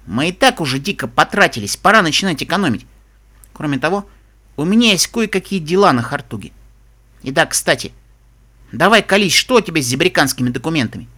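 A sharp-tongued young unicorn mare, sarcastic and mocking, speaking in a bright, lively voice, as a male narrator puts her on. She needles her companion with dry storybook venom. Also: fairly high pitch, a little fast. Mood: explaining.

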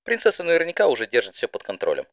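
A man's voice: mid-range voice, huge pitch swings, rapid-fire, no echo, clean studio sound, pitched above the performer's own voice. A man voicing a confident veteran flier mare with a laid-back, teasing manner. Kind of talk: fan audiobook voice acting.

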